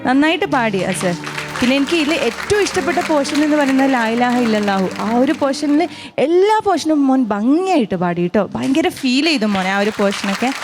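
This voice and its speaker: Female judge, higher-pitched, warm teasing critique, music bed clear underneath. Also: expressive, normal speed. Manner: affectionate, coaxing, teasing. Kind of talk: judge's critique on a TV talent show.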